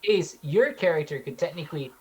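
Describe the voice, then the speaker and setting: Young californian dude running a dnd game, lots of ums and uhs, kinda loose and hesitant. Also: male voice, on the high side, a little fast, slight background noise. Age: young adult. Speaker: dungeon master.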